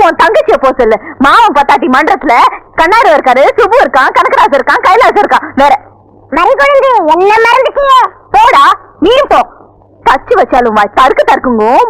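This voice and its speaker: An actress playing a bold young village wife who scolds and taunts in a rush of proverbs. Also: female voice, sits high, fairly bright tone, no echo, low-quality recording. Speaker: film actress. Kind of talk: film dialogue.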